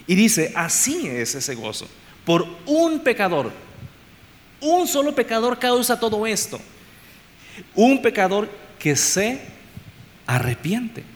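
A man preaching an expository sermon to his congregation, repeating phrases for emphasis and swinging between loud and soft. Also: a little high. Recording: long reverb, faint background noise.

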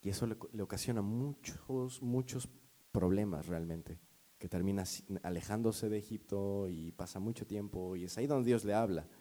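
A man's voice: fairly low pitch, normal speed, dark tone. A man preaching a sermon as a pastor, talking to the congregation in a conversational, storytelling way.

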